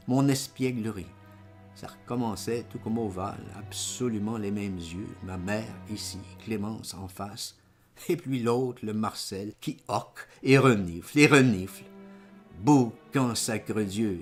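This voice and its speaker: Theatrical low-voiced man reading a novel. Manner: fragmented, exclamatory, theatrical phrasing. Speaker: reader of a literary audiobook. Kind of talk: dramatic literary reading.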